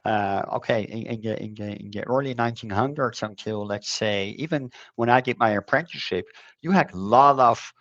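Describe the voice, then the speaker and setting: A middle-aged man born in the Netherlands, chatting as an interview guest, with a halting way of talking full of fillers and repeated words. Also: on the low side, fairly bright tone, dry recording, dull audio. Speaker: conference co-organizer, guest. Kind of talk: casual conversational interview.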